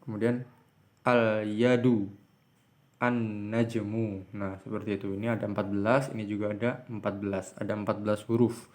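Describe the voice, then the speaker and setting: A man teaching an Arabic reading lesson, stretching out slow model readings of each word between quick explanations. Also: fairly low pitch, flat delivery, darkish tone. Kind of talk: classroom lesson, reading words aloud.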